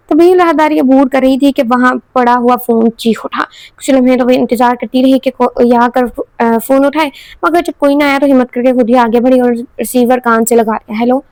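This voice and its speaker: High-voiced woman narrating a novel. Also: no room sound. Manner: steady storytelling with occasional self-corrections. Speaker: audiobook narrator. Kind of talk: scripted narration of a romance novel.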